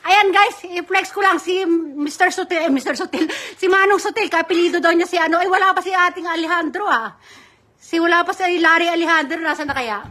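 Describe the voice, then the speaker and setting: A mother hosting a live-stream giveaway, chatting casually and giving shout-outs to viewers as she reads their comments. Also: very high-pitched, fairly quick. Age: adult mother. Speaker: livestream host running a giveaway.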